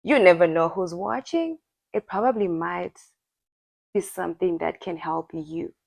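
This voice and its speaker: With a fairly low, gravelly, somewhat mellow voice, a young Zimbabwean woman co-hosts a podcast, unhurriedly telling a story amid lots of laughter. The recording is dry.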